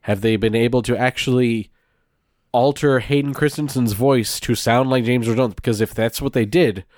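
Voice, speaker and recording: A chatty man hosts a casual podcast, talking at an easy middle pitch. He laughs often and drops quick quoted asides. His voice sits close on a dry, deadened microphone. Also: fairly even intonation, darkish tone, no echo. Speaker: podcast host.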